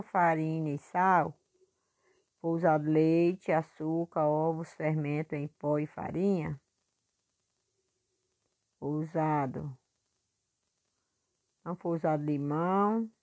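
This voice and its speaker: A woman teacher recording a lesson review for her pupils, patient and clear, stretching words out to stress syllables. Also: low-pitched, a little mellow.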